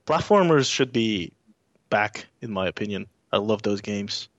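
A man's voice: fairly low pitch, lively intonation, a little slow, fairly bright tone, no echo, dull audio. A man co-hosting a podcast in casual, conversational talk. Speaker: podcast co-host. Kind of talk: casual chat.

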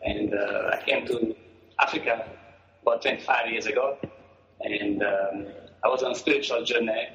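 A man's voice: fairly low pitch, steady tone, moderate pace, creaky, fairly bright tone, reverberant, lo-fi sound, slight background noise. A middle-aged man from Croatia, answering interview questions in a hesitant way with many fillers and restarts. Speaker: guest. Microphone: phone or call line.

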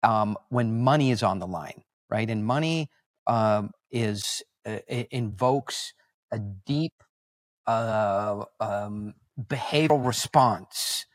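A man of middle pitch, speaking as a podcast guest in an animated storytelling manner. He often stops mid-phrase to correct himself, and the recording is dry and close with no room sound. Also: no room sound. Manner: halting, self-correcting, animated anecdotes.

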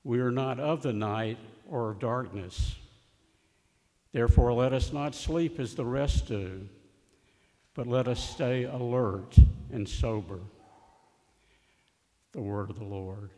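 A man reads scripture as a lector at Mass, in a measured, formal way in a large echoing church. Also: medium pitch, warm tone. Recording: long echo of a large church.

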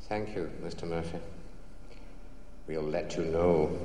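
An actor playing a sceptical male job interviewer in a film, speaking formally and with measured politeness. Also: deep voice, fairly even intonation, warm tone, a little hiss or hum. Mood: stern, formal. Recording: echoey hall, distant.

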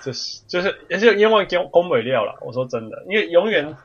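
A man's voice: on the high side, sing-song, fast, lo-fi sound. A man chatting casually about sports as a co-host, often slipping into English. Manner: code-switches between Mandarin and English.

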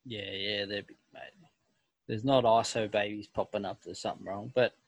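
A man's voice: fairly low pitch, fairly even intonation, normal speed, highs cut off, crowd noise. An Australian man hosting a casual club podcast, laid-back and calling people mate. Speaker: podcast host.

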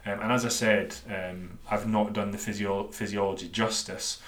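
In an echoey, roomy recording, a Dundee-accented man from Scotland speaks at normal speed in a lowish, level, slightly bright voice. He hosts a solo coaching podcast, chatting informally, rambling somewhat, and putting himself down.

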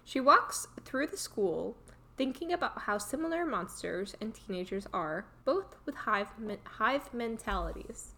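Woman, podcast co-host, slightly high, giggly, casual plot recap. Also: animated, measured pace, bright, forceful tone. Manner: giggly, self-mocking, summarizing chapters.

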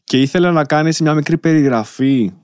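A man's voice: fairly high pitch, a little mellow, clean tone, dry recording, clean studio sound. A man hosting a casual interview, talking in loose, rambling sentences. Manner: rambling, many fillers and restarts. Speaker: podcast host.

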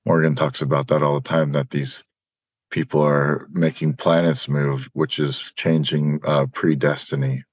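A man's voice: a bass voice, little pitch movement, husky, dry recording. A man hosting a podcast in casual chat, easygoing and joking. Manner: easygoing, joking, quick to laugh.

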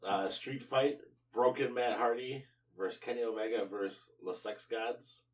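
A man's voice: medium pitch, fairly even intonation, normal speed. A man co-hosting a casual wrestling podcast, laid-back, with dry remarks and frequent laughs. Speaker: podcast co-host. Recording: muffled sound from a distant mic.

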